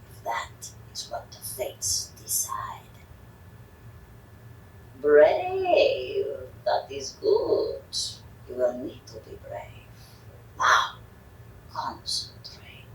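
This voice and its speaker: A woman's voice: rumbling low, huge pitch swings, very slow, pauses often, exaggerated voice. Madam Zolta, a woman playing a theatrical fortune-teller. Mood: mysterious. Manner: dramatic, whispery, commanding. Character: theatrical female fortune-teller medium, grandiose. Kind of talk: Halloween audio drama. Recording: echoey room, distant mic, faint noise.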